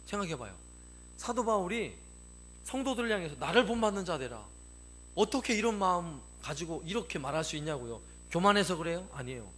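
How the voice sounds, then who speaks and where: A man's voice: high-pitched, a bit bright, a little hiss or hum. A male pastor preaching a sermon, emphatic, repeating key phrases and putting questions to the congregation.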